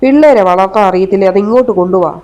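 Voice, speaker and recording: A woman playing a bossy, meddling grandmother who scolds in a loud, domineering way. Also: fairly high pitch, fast talker, muffled recording, slight background noise, natural voice. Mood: scolding.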